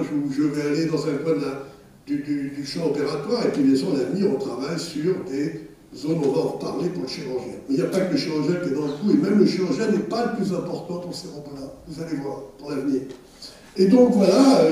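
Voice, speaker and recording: A man's voice: on the high side, dark tone, slight background noise. Older man lecturing in an echoey hall. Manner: loose, conversational, with many restarts and asides. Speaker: surgeon presenting at an academic session. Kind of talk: live commentary on surgical video in a lecture. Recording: roomy hall, speaker far from mic.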